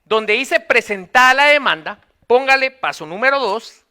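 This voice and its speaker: A man giving a law lecture, dictating steps and repeating phrases slowly so students can note them down. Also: very high-pitched, animated, sharp tone, clean tone.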